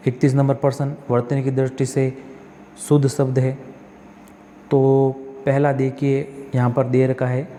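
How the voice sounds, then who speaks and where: Speaking in a warm, medium-pitched voice, a male tutor goes over exam practice questions in a big-sounding room with slight hiss or hum. He reads each question, corrects the spellings one step at a time, and quizzes and answers himself.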